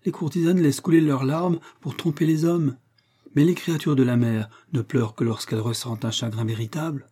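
A man's voice: mid-range voice, fairly even intonation, moderate pace, mellow, lightly acted. A man voicing a dignified shark-man sea creature. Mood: reproachful. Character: grieving male shark-man sea creature, loyal and grateful. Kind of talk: storybook reading.

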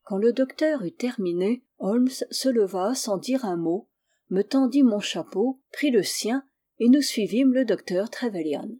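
A woman reading a story aloud as narrator, in a steady, even storytelling manner. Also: fairly high pitch, unhurried, husky. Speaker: audiobook reader. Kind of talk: scripted narration.

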